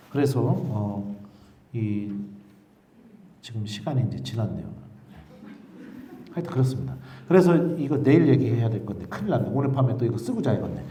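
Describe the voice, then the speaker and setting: Middle-aged priest preaching in a roomy hall. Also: male voice, mid-range voice, distant mic. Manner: animated storyteller, acts out shouted quotes. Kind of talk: sermon with a personal story. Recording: roomy echo, voice from off the mic.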